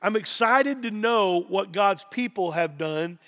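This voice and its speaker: Man, Appalachian accent, high voice, informal preaching, excitable, folksy, repeats phrases for emphasis. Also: a little slow. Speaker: pastor. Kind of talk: sermon, informal Bible teaching.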